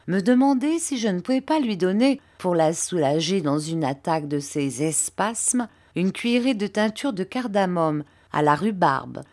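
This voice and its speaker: Expressive woman reading an audiobook. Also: on the low side. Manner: expressive, measured storytelling. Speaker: audiobook narrator. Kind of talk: audiobook narration.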